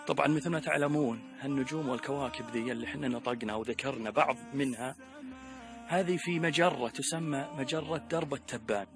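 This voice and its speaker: A man with a Saudi Gulf Arabic accent giving a religious reflection talk, emphatic, with loud exclamations and hushed asides. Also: medium pitch, creaky. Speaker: preacher.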